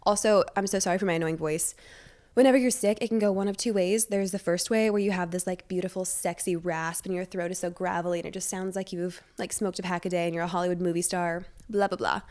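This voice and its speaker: A woman's voice: on the low side, steady tone, quick pace, darkish tone. A woman hosting a casual solo podcast from her living room, sounding congested, chatting in a bubbly, rambling, self-deprecating way. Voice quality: stuffy, congested nose. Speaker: podcast host. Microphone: wired podcast microphone.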